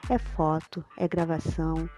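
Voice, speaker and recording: A woman's voice: sits low, level tone, unhurried. A woman reading out the lines of a stern middle-aged male cattle rancher in a plain voice. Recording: background music under the voice.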